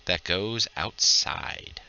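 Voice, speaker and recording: A man's voice: low-pitched, very slow, creaky, sharp tone, muffled recording. A man running a tabletop game as game master, narrating and ruling on the players' actions.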